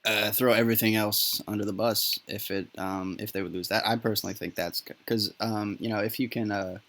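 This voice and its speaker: A man hosting a casual discussion, talking haltingly with many fillers and restarts, in a poor recording with popping. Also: lowish voice, steady tone, a bit bright. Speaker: podcast host.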